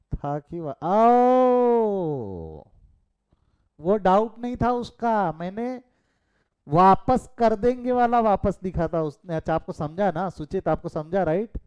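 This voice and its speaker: A middle-aged man with an Indian accent leads a live online class in a mellow voice that sits a bit high. He switches between Hindi and English, throws questions at his students and drifts into chatty side stories. He is recorded close on a call mic. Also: very animated, takes it slowly, clear, resonant tone, lo-fi sound. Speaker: commerce teacher.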